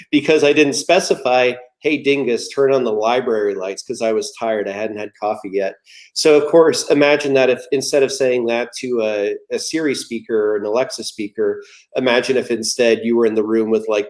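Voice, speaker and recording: Man in his 40s, guest on a chat, relaxed storyteller type, explains stuff with everyday examples. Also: fairly low pitch. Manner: easygoing storyteller, explaining with analogies. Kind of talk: casual conversational talk.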